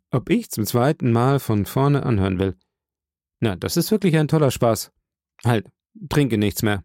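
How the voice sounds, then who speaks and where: A man voicing a theatrical, excitable young friend who gushes and wails dramatically in an audiobook. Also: mid-range voice, moderate pace, dry recording, studio quality, lightly acted. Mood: bewildered. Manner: theatrical, swings from gushing to wailing.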